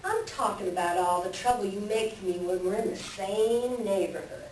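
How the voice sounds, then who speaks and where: A woman's voice: medium pitch, moderate pace, darkish tone, echoey room, natural voice. Female reader as scoundrel coyote, sly, folksy, boastful, stage animal fable, distant mic, faint noise. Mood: hard bargaining. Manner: folksy drawling rustic speech, boastful. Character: sly, self-serving, bargaining Coyote trickster scoundrel. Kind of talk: readers theater animal folktale performance. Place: library readers theater performance.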